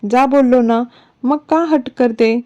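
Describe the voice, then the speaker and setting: A woman's voice: high-pitched, measured pace. A woman voicing a teasing, stubborn young husband in a narrated story. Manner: teasing, calm. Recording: dull lo-fi recording.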